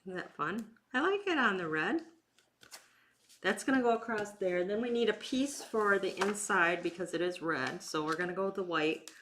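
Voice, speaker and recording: A woman's voice: mid-range voice, animated, a bit bright, slight background noise. A woman giving a casual, step-by-step craft demonstration in an informal way, talking as she works with her hands. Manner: informal, unhurried, talking while working with hands. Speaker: craft instructor and bingo night host.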